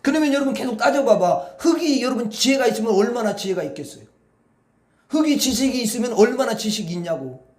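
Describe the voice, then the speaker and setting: A male pastor with a very high voice preaches in a folksy, animated way, rambling and addressing the congregation directly. His sermon echoes around a roomy hall. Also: quick pace.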